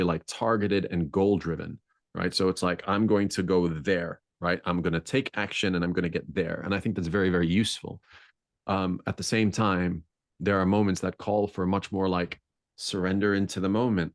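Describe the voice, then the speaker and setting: Here a deep-voiced man reflects as a podcast guest, pausing to find words and raising the intensity on key points. The studio-quality audio has no echo.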